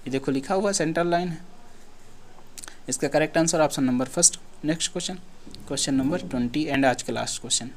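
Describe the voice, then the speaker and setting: A man's voice: fairly high pitch, quick pace. A man teaching an exam-prep lesson in a casual way, asking questions and answering them himself. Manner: casual, repeats himself, asks and answers his own questions.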